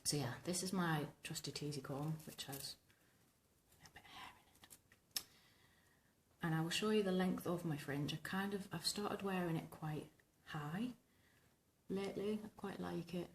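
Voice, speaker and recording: A thirtysomething vintage hairstyling vlogger, her voice husky, smoky and rumbling from recovering tonsillitis, talks casually through a tutorial at a measured pace. She rambles a bit. The indoor bedroom recording is reverberant, carrying a little hiss or hum.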